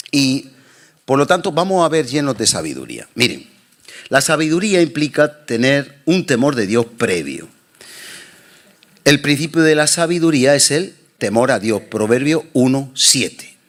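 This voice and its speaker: Impassioned male preacher with a lively voice. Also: fairly high pitch. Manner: impassioned preaching, swings between loud and soft. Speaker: pastor. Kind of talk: sermon.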